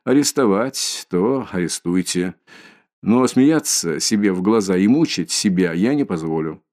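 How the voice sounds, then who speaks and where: A man voicing a feverish, defiant young male student who speaks tensely and breaks into shouts, in an audiobook reading. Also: low voice, animated, a little slow, voice pushed down. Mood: cold. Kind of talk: audiobook character voice.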